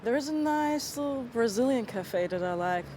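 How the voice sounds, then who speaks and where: A woman's voice: fairly high pitch, lively intonation, moderate pace, darkish tone, a little hiss or hum. A woman answering hesitantly about favourite places in a street interview. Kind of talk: casual chat.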